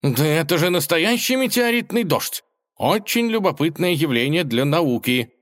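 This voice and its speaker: A man's voice: fairly high pitch, sing-song, normal speed, a bit bright, pitched above the performer's own voice. Man doing an eager scholarly cat. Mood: enthusiastic. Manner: enthusiastic, lecturing. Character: eager male scientist cat in a pince-nez.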